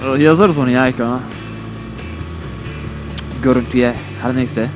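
A man's voice: mid-range voice, moderate pace. A man talks from inside a motorcycle helmet as he rides, rambling colloquially and thinking aloud in a casual vlog style. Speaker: motovlogger. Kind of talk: casual vlog commentary while riding. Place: outdoors on a motorcycle on an open road. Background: music, vehicle on the road.

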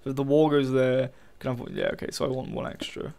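A man's voice: mid-range voice, little pitch movement, brisk, vocal fry, a little mellow, slight background noise. A young man giving casual, frustrated commentary while playing a game, swearing often and talking to his viewers. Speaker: gaming channel host.

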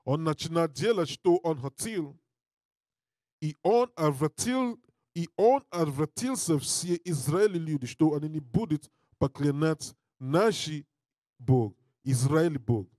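A man preaching and reading scripture in non-native Russian with a foreign accent, halting and repeating his phrases. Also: fairly high pitch, lively intonation, a little mellow, no echo, clean studio sound. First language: not a native Russian speaker. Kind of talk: Bible teaching with scripture reading. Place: indoor studio with draped backdrop. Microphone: handheld mic held close.

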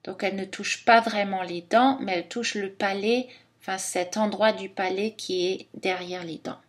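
A woman's voice: mid-range voice, steady tone, normal speed. A woman narrating a phonetics lesson, explaining each consonant and carefully demonstrating the sounds. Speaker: phonetics teacher.

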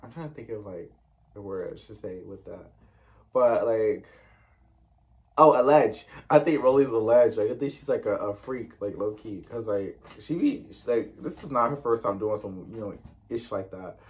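Speaking at normal speed in a lowish voice, an East Coast American man chats casually about a reality show, sassy and talkative, dropping "like" and slang asides throughout. The sound is lo-fi.

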